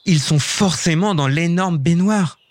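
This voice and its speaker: A man's voice: a little high, measured pace, no room sound, pitched above the performer's own voice, lightly acted. A man voicing a brave, determined little village girl in a storybook. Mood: thoughtful. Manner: bright and determined.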